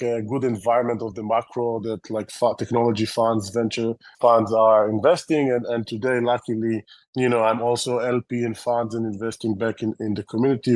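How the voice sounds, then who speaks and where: An Israeli-accented company founder and CEO tells his story in an interview, his middle-pitched voice carrying a darkish tone. His answers wander and restart, full of fillers and self-corrections. The audio is dry and close-miked with no room echo.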